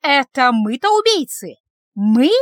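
A woman voicing a furious young village woman who shouts and scolds shrilly. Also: high voice, very animated, moderate pace, dry recording, clean studio sound. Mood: furious, shrill.

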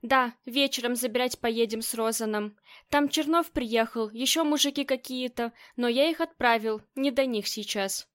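Woman doing a blunt protective bodyguard guy, scolding, still a high voice. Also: normal speed, natural voice. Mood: gruff. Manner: blunt and scolding, then softly pleading. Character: gruff, protective male bodyguard. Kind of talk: audiobook character reading.

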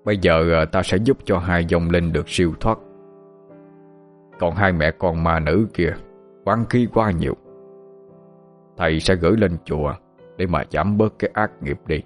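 A man voicing a calm elderly male exorcist master who speaks slowly, low and gentle. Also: soft background music, natural voice. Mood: soothing.

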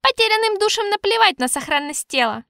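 A woman voicing a calm, knowing male adviser who explains things matter-of-factly. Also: very high voice, a little fast, gravelly, dry recording, clean studio sound, voice pushed up, exaggerated voice. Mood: explaining.

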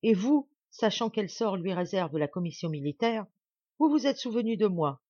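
A woman's voice: on the low side, expressive, normal speed, a little mellow, breathy edge, no echo, highs cut off. A woman reading the part of an impulsive, passionate young nobleman in an audiobook, speaking in ardent exclamations. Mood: excited.

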